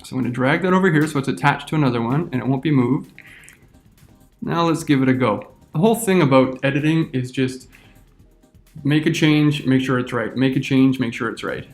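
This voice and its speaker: A man teaching a screen-recorded software tutorial, talking through each step as he clicks. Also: mid-range voice, a little fast, soft background music.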